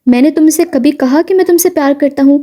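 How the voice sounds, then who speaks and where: A woman's voice: high-pitched, mellow, natural voice. Woman reading a stern, blunt young man. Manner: stern, firm and direct.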